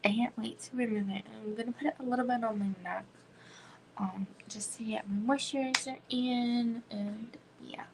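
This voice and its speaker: Gravelly-voiced woman chatting on a livestream. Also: on the high side, fairly even intonation, normal speed, noisy background. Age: 30s. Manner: rambling, frequent "like" fillers, drops into whispers. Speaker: livestream host. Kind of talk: casual chat.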